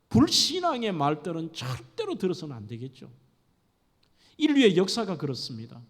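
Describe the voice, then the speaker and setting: A middle-aged male pastor preaching a sermon with dramatic storytelling, acting out scenes. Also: high-pitched. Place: church sanctuary. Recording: echoey church hall.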